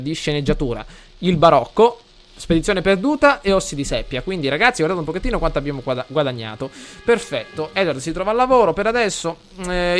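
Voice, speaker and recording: A man with an Italian accent commentating a life simulation game for his viewers, chatty, talking to the audience and getting loud and excited during the action. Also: on the high side, smooth. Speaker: gameplay commentator. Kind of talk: let's play commentary.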